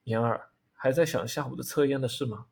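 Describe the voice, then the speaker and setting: A doting middle-aged clan-leader father who talks to his son with chuckling warmth, as a male audiobook narrator puts him on. The voice is gravelly and husky, pitched a little lower than the narration. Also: brisk. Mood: affectionate. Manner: chuckling, affectionate.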